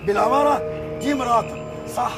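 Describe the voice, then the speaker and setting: A man's voice: very high voice, fast, loud music behind the voice. An actor with an Egyptian accent playing a self-important, bumbling male security guard who brags about himself. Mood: boastful. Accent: Egyptian Arabic. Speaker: actor in amateur comedy film.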